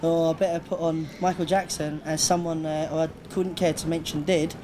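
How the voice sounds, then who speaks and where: Hesitant DJ on noisy tape. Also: male voice, a little high, little pitch movement, moderate pace. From London, England. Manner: hesitant, filler-heavy, earnest. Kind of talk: casual interview chat. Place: airport. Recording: noisy location recording.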